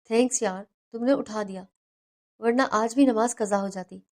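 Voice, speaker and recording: Lady reading as a young husband, caring and worried, voice a little high. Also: steady tone. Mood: concerned.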